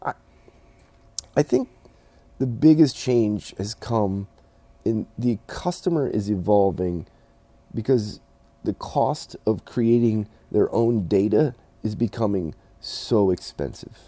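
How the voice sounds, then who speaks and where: Man, interview guest; low dark voice, halting restarts, dry close sound. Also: dry recording. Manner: halting, restarts often, animated storytelling with quoted voices. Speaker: racing shop owner, guest. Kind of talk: casual interview talk.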